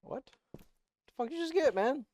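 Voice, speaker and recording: A young man playing a video game with a friend, loud, laughing and swearing as he taunts. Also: very high voice, lively intonation, moderate pace. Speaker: gamer recording a gameplay video. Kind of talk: excited gaming chat with a friend. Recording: noisy gaming mic.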